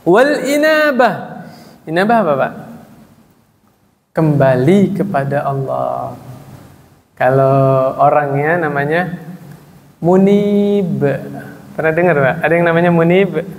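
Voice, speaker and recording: A man preaching to a small congregation, throwing questions to his listeners and answering them himself. His voice sits somewhat high for a man. It rings out with a long echo through a large hall, over a faint background hum. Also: vocal fry. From Indonesia. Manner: recites Arabic verses slowly. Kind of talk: mosque study-circle sermon. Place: mosque.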